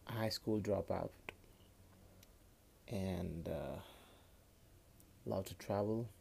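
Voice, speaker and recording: Slow, gravelly Kashmiri-accented man. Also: low-pitched, steady tone, warm tone, slight background noise. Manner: halting, often repeating words. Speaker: podcast host. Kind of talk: casual personal monologue. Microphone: phone.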